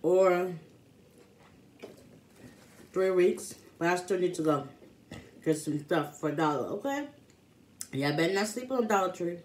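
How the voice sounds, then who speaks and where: A woman's voice: on the low side, expressive, unhurried, long pauses, a little mellow. A woman in her thirties chatting casually to the camera as she eats, often talking between bites. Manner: talks between bites, mouth often full. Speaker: mukbang vlogger. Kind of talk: casual chat to camera while eating. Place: small room at home, indoors. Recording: clear background room noise.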